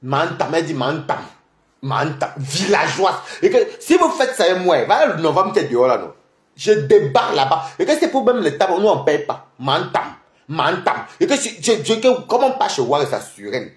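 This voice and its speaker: Young male streamer, mocking and combative, pitch swinging widely, echoey room. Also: sing-song. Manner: taunting, mocking, rapid-fire. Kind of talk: heated livestream rant.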